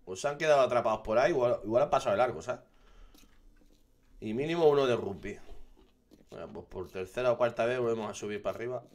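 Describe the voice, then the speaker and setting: A man's voice: mid-range voice, fast, long pauses. Spaniard casually narrating his gameplay. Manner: excitable, swears and shouts at sudden scares. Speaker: gaming streamer.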